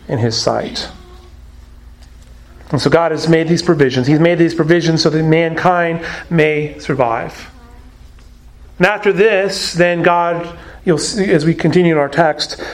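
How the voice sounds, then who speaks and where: A pastor with a high-pitched male voice delivers a sermon. He speaks earnestly, stresses key words, and poses rhetorical questions to his listeners. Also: poor audio.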